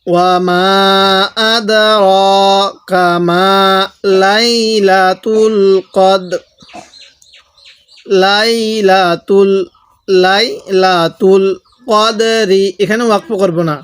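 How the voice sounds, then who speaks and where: A man with a Bangladeshi Bengali accent teaching Quran recitation, stretching out each chanted phrase and then explaining the rules in quick, plain speech. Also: sits high, fairly even intonation, clean tone, dry recording. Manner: alternates drawn-out melodic recitation with brisk spoken instruction. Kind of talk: tajweed lesson, slow chanted recitation between quick explanations.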